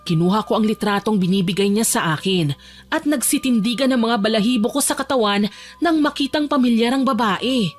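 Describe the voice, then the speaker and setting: A young woman voicing a frightened young woman locked in a dark basement, tense and pleading as she narrates her own horror story. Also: a little high, brisk, close to an everyday voice. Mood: hushed. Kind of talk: first-person horror story narration and dialogue. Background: faint music.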